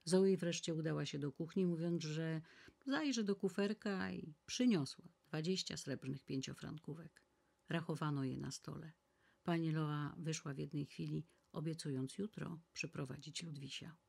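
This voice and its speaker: A woman reading a classic novel aloud in measured, even storytelling. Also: low-pitched, gravelly. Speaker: audiobook reader. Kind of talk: scripted narration.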